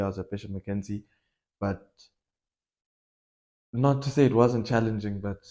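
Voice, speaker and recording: A young man from Malawi chats easily about his life in football, his voice sitting a little low. He talks in a loose, animated way, joking and laughing as he goes. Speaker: football coach and academy owner. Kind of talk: casual podcast interview.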